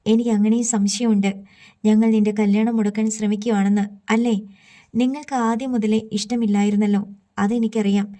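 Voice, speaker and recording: Storybook figure: a scolding mother, read by a woman narrator, mellow and even. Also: mid-range voice, brisk, lightly acted. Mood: defensive. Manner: scolding, defensive. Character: stern mother, warning her grown daughter.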